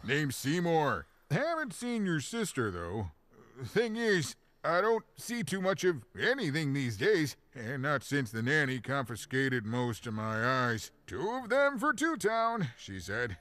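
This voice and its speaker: An actor playing a clumsy, apologetic giant in a video game, hesitant and stammering. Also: male voice, a little high, sing-song, unhurried, a bit bright. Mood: rueful, chatty. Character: clumsy, apologetic, gentle giant missing most of his eyes. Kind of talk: video game character acting.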